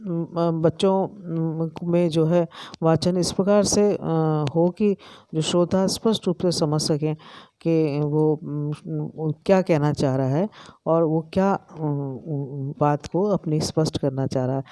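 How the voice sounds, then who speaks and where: A middle-aged woman with an Indian accent, an education lecturer, explaining slowly with many pauses and fillers. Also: deep voice, dark tone, dry recording. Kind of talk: recorded lecture.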